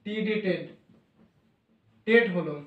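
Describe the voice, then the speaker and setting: A man's voice: sits high, takes it slowly, far from the mic, phone-quality sound. A male teacher explaining English pronunciation, spelling words out and repeating each sound letter by letter. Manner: repetitive, drills sounds letter by letter. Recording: echoey room, voice from off the mic.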